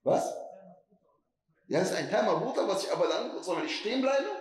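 Animated imam with echoing voice. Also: male voice, high-pitched, fast talker. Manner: rhetorical questions, stretches words for emphasis. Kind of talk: Quran commentary lecture.

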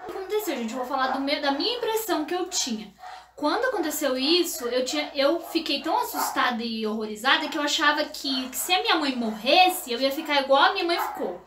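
A woman's voice: high voice, animated, fast, noisy background. A young Brazilian woman hosting a family vlog, talking casually and animatedly straight to her viewers. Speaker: vlog host, the daughter. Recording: echoey home room.

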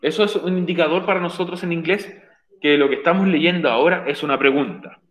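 A man explains grammar to his online class, patient and repetitive, stressing each point twice. His voice sits a little high. The sound carries a roomy echo over the video call. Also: fairly quick, fairly bright tone. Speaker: English teacher.

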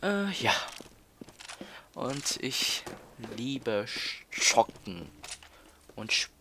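A man's voice: sits low, background noise. A teenage boy from Austria, chatting while playing a game, stalling and repeating words with many fillers. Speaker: let's player. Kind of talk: casual gameplay commentary.

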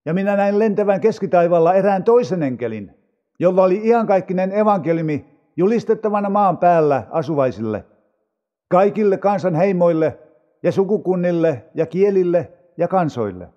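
A man's voice: high-pitched, animated, big-room sound, muffled recording. Solemn man reading scripture. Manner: measured, unhurried reading. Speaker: audio Bible reader.

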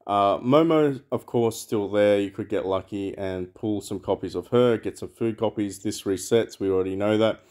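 A man's voice: fairly low pitch, normal speed, few pauses, darkish tone. A man giving rambling, casual commentary over a mobile game, thinking aloud with lots of fillers. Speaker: mobile game channel host.

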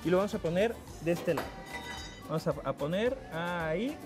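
A man's voice: high voice, expressive, normal speed, a little mellow, faint music behind. A man, a chocolatier, giving a patient, instructive cooking demonstration on a TV show. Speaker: chocolatier guest. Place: TV studio kitchen.

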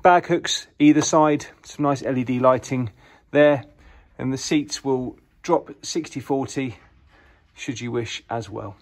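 A man's voice: medium pitch, unhurried, no room sound. A man giving a casual walkaround of a used car in an indoor showroom, filmed on a handheld camera. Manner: upbeat salesman patter, filmed while walking. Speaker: car dealer presenting a used car. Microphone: camera held by the speaker.

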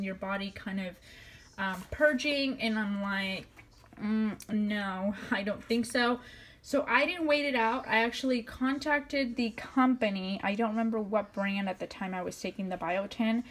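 A woman in her thirties chatting casually in a shopping haul video, rambling with many fillers. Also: medium pitch. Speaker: vlogger. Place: indoors at home, counter of products.

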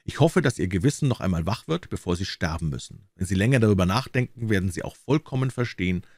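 A vengeful man, as a male reader puts him on, who speaks calmly and with quiet menace. The voice is deep but lively in its melody. It is recorded close in a dry room. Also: fast, no echo. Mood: cold. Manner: calm, controlled and threatening.

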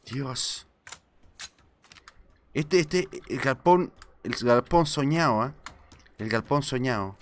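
A man streaming live gameplay, talking excitedly to himself and greeting his chat. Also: mid-range voice, a little slow.

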